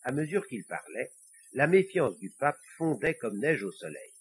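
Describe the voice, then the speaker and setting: A man narrating a children's storybook, expressive and confiding asides to the listener. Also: medium pitch, normal speed, slightly rough.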